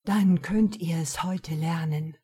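A woman reading the lines of a domineering, commanding man in a hard, taunting tone, with a slightly lowered voice. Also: slow pace, mellow, husky, exaggerated voice.

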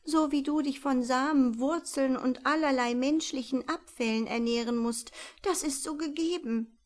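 A woman's voice: high voice, normal speed, pitched above the performer's own voice, natural voice. A woman reading a children's story aloud and voicing a female barn owl who begs for help and later offers it kindly. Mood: earnest. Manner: pleading, tearful, later gentle and solemn. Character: desperate, then grateful female barn owl.

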